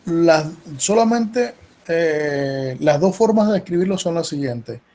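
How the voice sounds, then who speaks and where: In a video call meeting, a math professor patiently explains set theory to his online class, checking in with his students often. His voice is on the high side, expressive and mellow, and he speaks slowly.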